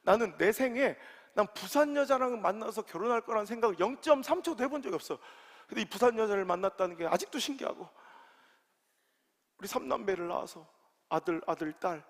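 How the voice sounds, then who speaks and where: A middle-aged male senior pastor preaching an animated storytelling sermon in a large church sanctuary, swinging from loud, excited exclamations to quiet, low confiding. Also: brisk. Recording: long hall reverb.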